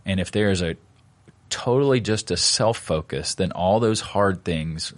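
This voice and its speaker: A deep-voiced man, a pastor, chatting loosely about his sermon on a close mic. The sound is dry, with no room around it, and his talk is easygoing and full of little fillers. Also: a little slow, dry recording. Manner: relaxed, conversational, many fillers. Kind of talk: casual podcast discussion of a sermon.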